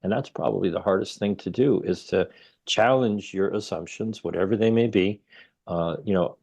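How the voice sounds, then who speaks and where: A middle-aged man from Ohio, a guest researcher telling stories in a casual interview, animated and emphatic. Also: vocal fry. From Ohio, United States. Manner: animated storyteller, rising to emphatic highs. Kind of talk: casual conversation.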